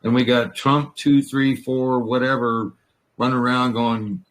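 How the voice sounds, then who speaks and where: A man's voice: mid-range voice, flat delivery, unhurried, fairly bright tone, rough recording. A man talking casually and bluntly, swearing freely and firing off rhetorical questions. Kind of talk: casual conversation.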